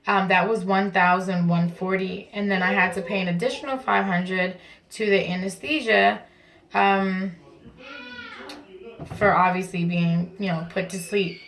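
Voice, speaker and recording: A woman's voice: medium pitch, fairly even intonation, a little slow, fairly bright tone. A woman vlogger talking casually and informally to camera, explaining things in a chatty way from her bathroom at home. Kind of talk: casual vlog talk to camera.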